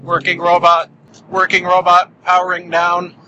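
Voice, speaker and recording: A man's voice: sits high, monotone, moderate pace, pushed and bright, dull audio. A man voicing a male worker robot powering down, announcing in a stiff, robotic way, recorded outdoors with wind noise. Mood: mechanical. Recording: noisy windy outdoor recording.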